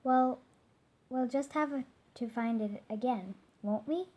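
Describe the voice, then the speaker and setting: A woman voices a cheerful, always-happy storybook man who asks hearty, bright questions. The voice sits fairly high with a mellow, slightly breathy tone. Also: a little slow. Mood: cheery.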